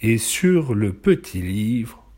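A man reading a children's picture book aloud, his pitch rising and falling in a lively, animated way. He reads slowly and expressively, as if to young listeners. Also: breathy edge. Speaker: storyteller.

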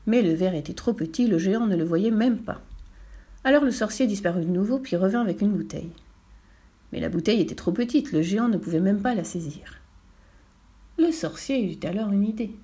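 Woman storyteller, lively playful read-aloud, mid-range voice. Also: medium pitch, brisk, husky. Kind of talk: storybook reading.

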